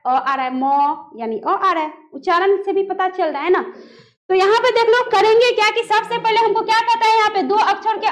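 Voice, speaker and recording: A woman teaching a grammar lesson, asking questions and answering them herself. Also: very high-pitched. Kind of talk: classroom lesson at a board.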